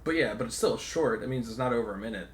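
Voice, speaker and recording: A man's voice: medium pitch, lively intonation, fast. A young man co-hosting a podcast, talking loosely in casual chat, swearing freely and laughing often. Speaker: podcast co-host.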